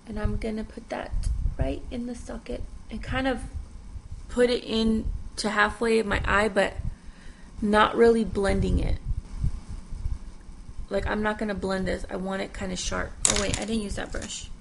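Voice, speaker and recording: A woman's voice: mid-range voice, level tone, normal speed, gravelly, a little hiss or hum, poor audio. A young woman chatting casually at home through a makeup tutorial, rambling with self-deprecating asides. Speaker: makeup vlogger.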